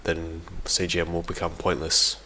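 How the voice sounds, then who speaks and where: At a normal speed, a competitive gaming team member gives casual, unscripted commentary for an audio log, his low, fairly monotone voice carrying a bright, forward edge. He is hesitant and informal, correcting himself as he talks. The recording is low quality, with some background noise.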